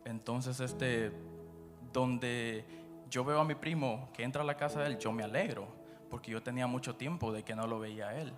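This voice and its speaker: After prayer, a Guatemalan man with a Guatemalan Spanish accent gives a personal church testimony, telling his story unscripted at a moderate pace and full of fillers. His voice drops low when he recounts dark moments, and music plays in the background.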